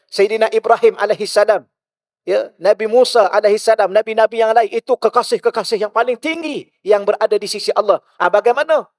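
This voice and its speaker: A male religious teacher with a Malaysian Malay accent, giving a mosque lecture full of rhetorical questions, shifting between loud and hushed. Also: high-pitched, a little fast, dry recording, studio quality.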